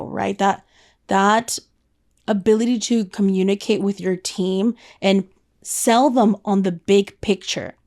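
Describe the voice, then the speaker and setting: A woman's voice: mid-range voice, darkish tone. A woman hosting a podcast interview, chatty and affirming as she poses open questions to her guest. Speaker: podcast host. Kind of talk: casual interview conversation.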